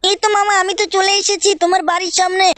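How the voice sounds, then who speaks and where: Woman doing a squeaky cheeky little boy. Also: flat delivery, racing, fairly bright tone, no echo. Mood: teasing.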